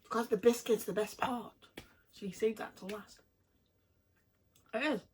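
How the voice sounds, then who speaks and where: A young woman from the United Kingdom casually chatting while taste testing snacks, playful and quick to laugh. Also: medium pitch, fairly even intonation, a little mellow, a little hiss or hum. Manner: giggly, playful, laughs a lot. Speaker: vlogger. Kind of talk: casual taste-test chat.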